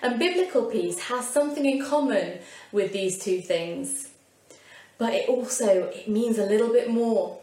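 A woman's voice: on the high side, lively intonation, measured pace, dark tone. A woman with a Yorkshire accent preaching a sermon in an earnest, conversational way with light asides. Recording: roomy echo.

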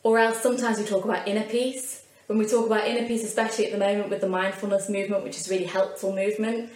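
A woman with a Yorkshire accent preaches a sermon in a mid-pitched voice. She talks in an earnest, conversational way and drops in light asides. Her voice rings in a roomy, echoing space. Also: flat delivery, rapid-fire, a little mellow. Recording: roomy echo.

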